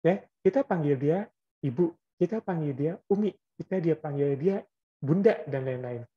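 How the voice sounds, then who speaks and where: A man's voice: on the high side, animated, normal speed, lo-fi sound. A man giving an Islamic parenting lecture, explaining in a conversational way and often adding little checking tags.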